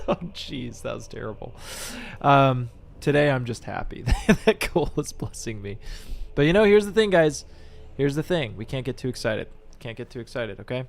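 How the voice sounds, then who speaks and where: Gravelly excitable male game streamer. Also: mid-range voice, normal speed. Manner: excitable, bursts into shouts and laughter. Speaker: streamer and channel host. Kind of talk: live gameplay commentary.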